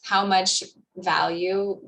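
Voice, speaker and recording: A woman's voice: medium pitch, steady tone, extremely slow, gravelly, fairly bright tone, distant mic, a little hiss or hum. A young woman hosting a meeting, chatting casually and laughing, with plenty of fillers. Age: young adult. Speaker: meeting host. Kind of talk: casual video-call chat. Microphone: video call.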